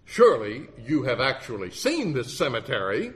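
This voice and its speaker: A man's voice: mid-range voice, wildly swooping pitch, moderate pace, a little hiss or hum. A man voicing a stubborn, pompous male country lawyer who intones and huffs his questions. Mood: insistent. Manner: intoning, huffy insistence.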